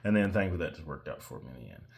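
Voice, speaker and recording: A man with a very deep voice talks through his own mixing session in a loose, offhand way. He rambles, drifts off topic now and then, and makes fun of his own skills. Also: big pitch swings, rapid-fire, gravelly. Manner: rambling, self-deprecating, digresses. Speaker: musician walking through his own mix. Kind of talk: casual screen-share tutorial.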